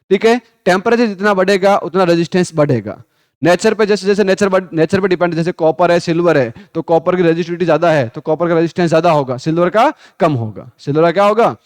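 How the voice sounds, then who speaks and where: A male physics teacher running a Hindi class lecture, quizzing students with repeated questions, calling them 'beta', and reading textbook lines slowly. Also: sits high, no room sound, clean studio sound. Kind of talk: classroom lecture with call-and-response drills.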